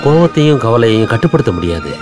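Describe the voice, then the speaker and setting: An actor playing a calm, kindly wealthy father. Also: medium pitch, quick pace, music in the background, natural voice. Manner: calm, reassuring. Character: wealthy, gentle older uncle and father. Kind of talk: film drama dialogue.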